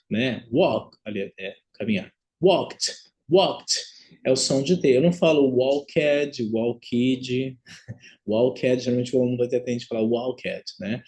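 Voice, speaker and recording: A man with a Brazilian Portuguese accent lecturing on English phonetics in an online class, repeating example words slowly and with stress. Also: medium pitch, a little mellow.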